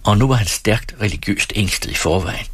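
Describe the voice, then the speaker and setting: Brief: male narrator, low, husky, calm audiobook reading, dry close sound. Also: dry recording.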